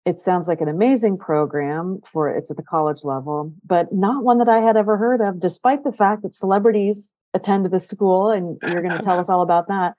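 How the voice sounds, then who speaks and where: Low-voiced woman hosting a podcast. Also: brisk, few pauses, mellow, no echo, lo-fi sound. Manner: friendly, upbeat introductions. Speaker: podcast host. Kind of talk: podcast interview.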